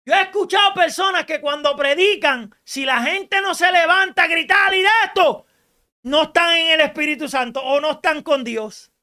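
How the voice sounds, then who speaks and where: A woman preaching a radio sermon in an emphatic style, rising to shouts and asking rhetorical questions. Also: sits high, moderate pace.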